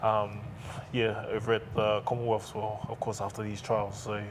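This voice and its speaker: A young man from Samoa, an athlete, answering interview questions calmly and steadily. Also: on the low side, normal speed. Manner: calm, steady, repeats phrases. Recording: clear background noise.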